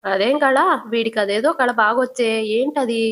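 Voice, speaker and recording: A sarcastic young husband throws out teasing jabs at his family, as a woman puts him on. His voice sits a little high. The delivery is quick and mocking, like a retold soap scene. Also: fairly bright tone, slight background noise, close to an everyday voice.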